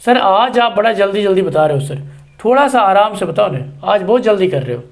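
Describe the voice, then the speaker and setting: A man putting on the voice of a student who teasingly pleads with the teacher to slow down. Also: high-pitched, sing-song, vocal fry, full character voice.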